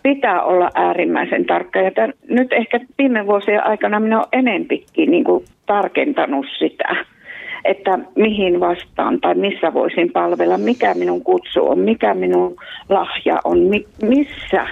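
A woman's voice: fairly low pitch, gravelly, no echo. A woman with a Savo Finnish accent, a guest in a radio interview, talking earnestly and laughing often. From Savo, Finland. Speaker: guest, evangelist and prayer line volunteer. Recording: tinny phone line, dry.

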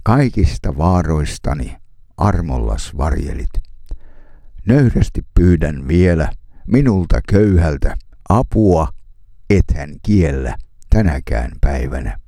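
A man giving a devotional sermon, reading hymn verses, psalms and scripture in a slow, measured way with solemn pauses. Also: rumbling low, expressive, gravelly, mellow, no room sound, clean studio sound. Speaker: preacher.

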